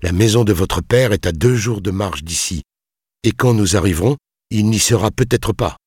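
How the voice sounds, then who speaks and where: A man's voice: on the low side, big pitch swings, fairly quick, breathy edge, dry recording, clean studio sound, pitched above the performer's own voice. A man reading an audiobook, voicing a proud master builder who is frightened but stubbornly defiant and keeps a controlled tone. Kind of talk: audiobook character voice.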